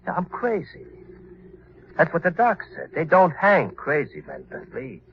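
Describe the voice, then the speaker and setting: A gloating, half-mad crook in a 1940s radio play, his voice leaping from low murmurs to wild highs. He menaces his victim with a cackle in his tone. The old broadcast sound is dull and muffled, with a faint hiss. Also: huge pitch swings, measured pace, exaggerated voice. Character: vengeful, unhinged male ex-convict thought dead.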